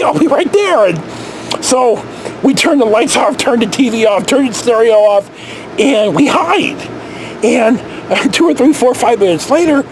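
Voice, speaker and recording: A middle-aged American man with a very high-pitched voice tells personal stories in a salty, sweary, rambling way, animatedly reminiscing like a vlog host. He records indoors on a camera held at arm's length, with a noisy background.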